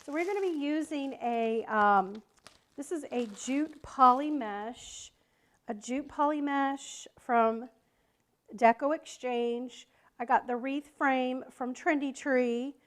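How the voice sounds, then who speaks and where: A high-pitched woman with a Southern American accent leads a live craft tutorial from her home workspace. She talks in a chatty, friendly way, greeting viewers by name between steps, and her voice is picked up by the camera mic. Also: slow pace. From South Carolina, United States. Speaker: wreath-making teacher and shop owner.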